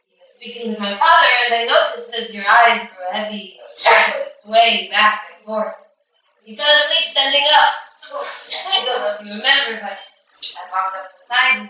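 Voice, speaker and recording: A woman's voice: fairly high pitch, sharp tone. A woman playing a pleading young woman in love. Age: young adult. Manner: pleading, earnest. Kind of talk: stage play acting. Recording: echoey stage from far off.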